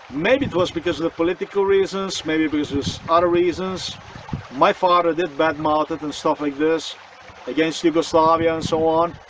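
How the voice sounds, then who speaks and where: A man's voice: on the high side, a little hiss or hum. A man from Slovenia, telling his own story in an earnest, insistent way that often circles back and repeats itself. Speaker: vlogger. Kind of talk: personal monologue to camera. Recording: voice distant from the mic.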